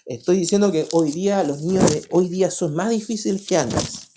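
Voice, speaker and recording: A man, preaching a sermon as pastor. He talks in an animated way and keeps asking the congregation rhetorical questions. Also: high voice, normal speed, background noise. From Paraguay. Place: church.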